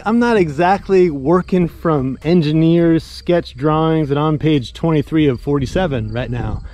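A man's voice: fairly high pitch, mellow. Laid-back man rambling at a build site. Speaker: builder vlogger. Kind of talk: casual chat to camera while building. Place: outdoors at a barn construction site. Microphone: action camera, sometimes head-mounted.

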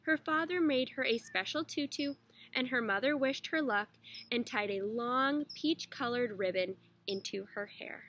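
A woman teacher reading a children's picture book aloud in a clear, expressive way. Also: a little high, unhurried, a little hiss or hum.

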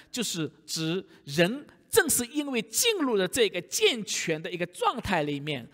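A man's voice: sits high, a bit bright, long reverb tail. A man preaching a sermon to his congregation, often asking rhetorical questions. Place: church sanctuary.

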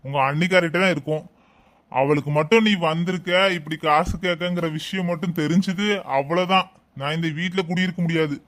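Man doing a bright, sharp cartoon brother, evasive and brushing off. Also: on the high side, fairly even intonation, a little fast, natural voice. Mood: dismissive. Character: selfish older brother, busy, wife-fearing. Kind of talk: cartoon voice acting.

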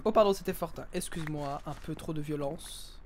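A young man commentating a live game stream, joking and bursting into yells. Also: a little high, a little fast, slight background noise. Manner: jokey, excitable, yells in sudden bursts. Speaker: gaming streamer.

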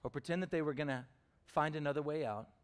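A man's voice: on the high side, fast talker, smooth. Conversational male pastor preaching. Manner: conversational, uses fillers and asks the congregation questions. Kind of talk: sermon with personal storytelling.

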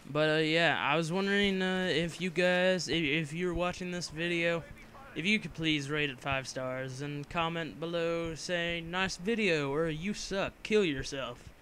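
A young man talks over his gameplay in a bright, slightly raised voice, rambling and joking with frequent fillers. He has a lingering cough. A faint hiss sits under the recording. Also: on the high side, fairly even intonation, a little slow, few pauses. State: coughing from a cold. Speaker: gameplay commentator. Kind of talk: casual game commentary voice-over.

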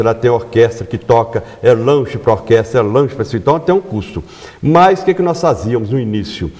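Sixties male, lively interview guest, self-correcting, lapel mic in a reverberant studio. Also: medium pitch. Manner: animated, repeats himself, self-corrects. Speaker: carnival band organizer, guest.

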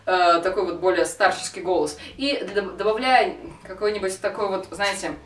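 A woman's voice: mid-range voice, steady tone, moderate pace. A young adult woman giving a casual, improvised tutorial, rambling and giggly as she hosts. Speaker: video host, cosplayer teaching voices. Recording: roomy, distant microphone.

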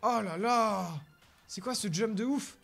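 Gamer narrating his lets play, slow-ish talk, bright sharp tone, blows up when he loses. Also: mid-range voice, gravelly, faint music behind. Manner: excitable, bursts into shouted frustration at failures; reads English quiz questions haltingly with French pronunciation. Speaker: gaming YouTuber. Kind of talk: Let's Play commentary.

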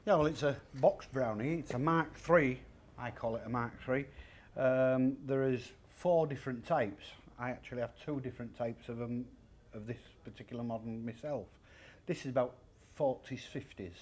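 A slight hiss or hum sits under this mid-range male voice, which moves at a moderate pace. The speaker, a chatty secondhand shop owner in his fifties, is interviewed in a large indoor furniture warehouse and talks plainly through what old pieces cost, step by step.

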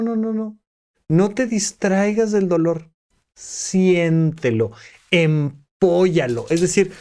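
A man's voice: on the high side, darkish tone. A man hosting a reflective podcast, speaking earnestly to the listener and repeating phrases for emphasis. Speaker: podcast host giving mental health advice. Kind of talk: reflective solo podcast talk.

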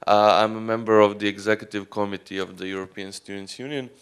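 A man's voice: on the low side, flat delivery, quick pace, clean tone. A man in his thirties from Croatia, giving a conference talk into a handheld microphone in a hotel meeting room, with many fillers and restarts. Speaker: student union representative.

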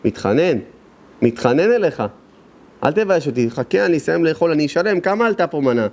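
A man's voice: fairly high pitch, expressive, a little mellow, voice pushed up. A man voicing a desperate, humiliated guest who keeps begging not to be shamed. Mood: pleading. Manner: pleading, repeating himself, rushed.

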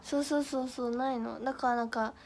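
Fast and steady in tone, a young idol from Miyagi in northeastern Japan chats on her livestream with a high, somewhat mellow voice, reading viewer comments and giggling over flubbed tongue twisters. A bit of background noise can be heard.

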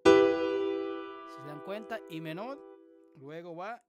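A man hosting a music production tutorial, explaining things casually with many pauses and fillers. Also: high voice. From Dominican Republic. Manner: relaxed, explanatory, many hesitations. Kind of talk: casual screen-recorded tutorial. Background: beat playing in the background.

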